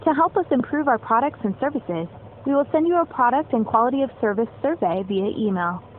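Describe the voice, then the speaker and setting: A woman's recorded phone menu message, a polite, measured scripted announcement for a customer service line. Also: a little high, lively intonation. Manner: polite, measured, evenly paced. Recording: tinny phone line with faint hiss.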